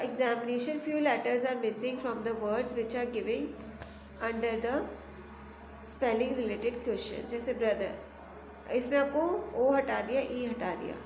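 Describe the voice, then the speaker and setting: A woman teacher giving a grammar lesson, spelling words out letter by letter and reading rules slowly before quick explanations. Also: a little high. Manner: mixes slow English rule reading with quick explanations. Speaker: school teacher. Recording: echoey room, faint background hum.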